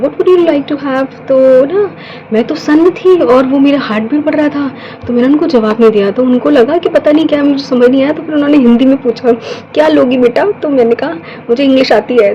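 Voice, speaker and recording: A woman's voice: high-pitched, dark tone, dull audio, slight background noise. A young woman telling funny family stories in a casual, chatty vlog, with lots of fillers and quoted dialogue. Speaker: vlogger. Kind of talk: casual storytelling.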